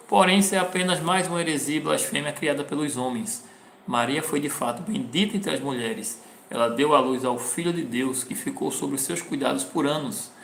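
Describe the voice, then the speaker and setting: A man's voice: medium pitch, gravelly, echoey room, a little hiss or hum. A man teaching from the Bible, reading verses aloud and then explaining them plainly. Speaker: preacher.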